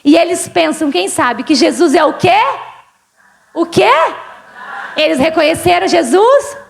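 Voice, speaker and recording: Uma pastora gaúcha de voz bem aguda prega num culto. Ela fala com a congregação como numa conversa e faz perguntas o tempo todo. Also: female voice, very high voice, moderate pace, vocal fry, a little hiss or hum. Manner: conversational, questions the congregation often. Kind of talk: sermon. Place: church service.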